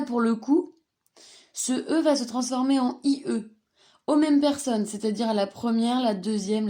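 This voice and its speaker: A woman's voice: a little high, warm tone. A woman teaching a slide-based grammar lesson, patiently repeating and stressing each conjugated form. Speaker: Spanish teacher.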